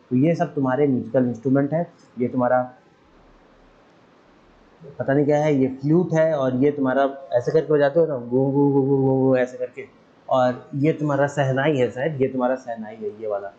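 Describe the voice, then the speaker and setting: A man's voice: medium pitch, mellow, muffled recording. A man teaching a casual science lesson, chatting loosely, admitting what he forgets and mimicking the sounds of instruments.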